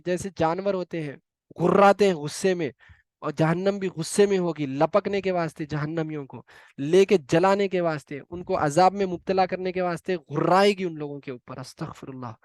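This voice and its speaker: A man teaching a Quran lesson over a video call, earnest and vivid, dropping to a hushed murmur for pious phrases. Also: high-pitched, no echo, clean studio sound.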